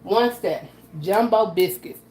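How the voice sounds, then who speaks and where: Talking slowly in a mid-range, dark voice made raspy by allergies, this live cooking stream host demos a dish in her home kitchen, chatting with viewers and repeatedly asking "okay?" The camera she adjusts by hand picks up a roomy echo and faint background noise.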